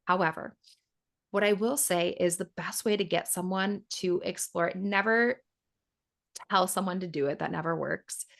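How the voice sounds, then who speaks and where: A woman's voice: lowish voice, moderate pace, gravelly, a bit bright. A woman in her thirties, a yoga and meditation teacher, talking casually in an interview and acting out quoted voices. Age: 30s. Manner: chatty, acts out quoted voices, laughs often.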